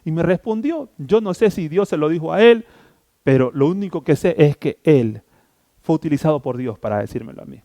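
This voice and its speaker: Middle-aged Ecuadorian pastor preaching, high voice with big swings, mellow tone. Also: male voice, brisk, no room sound. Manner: animated storytelling, acting out scenes. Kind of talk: sermon.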